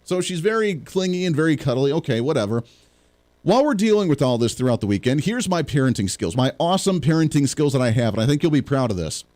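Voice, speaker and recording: A man who could be a young adult or a middle-aged parent hosts a political talk show, joking and rambling through sarcastic asides to his audience. His voice sits on the high side, swings widely in pitch, moves fast, and sounds a little mellow.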